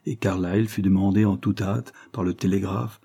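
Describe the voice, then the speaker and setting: A man narrating a classic novel with a low voice. His tone is mellow and slightly husky. He reads in a measured, literary way. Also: fairly even intonation. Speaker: audiobook reader. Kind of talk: scripted narration.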